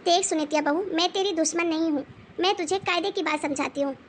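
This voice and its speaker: A woman voicing a stern, wise old grandmother-in-law who scolds and lectures firmly in an animated moral story. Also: very high voice, fairly quick, a little hiss or hum. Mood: lecturing. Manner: scolding, preachy and firm.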